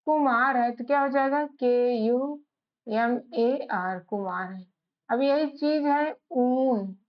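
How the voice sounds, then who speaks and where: Hindi-accented lady teacher spelling stuff out real slow, bit high voice, dull lo-fi sound. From India. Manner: slow, spells words letter by letter. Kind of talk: spelling lesson, spelling out letters.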